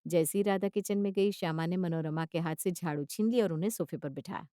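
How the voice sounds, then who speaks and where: A woman's voice: on the low side, fast talker, warm tone, smooth, dry recording. Woman narrating a story, dry sound.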